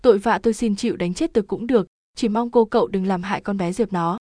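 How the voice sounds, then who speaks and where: Brief: woman doing a weeping older village mother, mellow tone, close and dry. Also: mid-range voice, steady tone, fairly quick, dry recording, lightly acted. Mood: pleading. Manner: sobbing and pleading.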